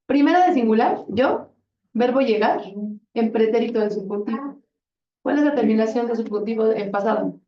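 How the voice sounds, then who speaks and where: A woman's voice: fairly high pitch, normal speed. A woman teaching a Spanish conjugation drill in a classroom, patient and encouraging and often praising answers. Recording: roomy, distant and dull classroom sound.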